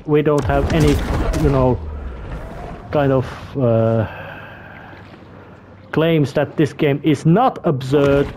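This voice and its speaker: A man's voice: a little high, warm tone, a little hiss or hum. A man giving casual gameplay commentary in a rambling, hesitant way, often searching for words. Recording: faint game music behind. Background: faint music.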